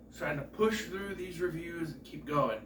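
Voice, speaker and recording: Congested and nasal with a cold, this thirtysomething man speaks a little high at a moderate pace while chatting through a joking movie review. The rambling talk is full of asides and self-corrections, and the distant mic picks up room echo and background noise.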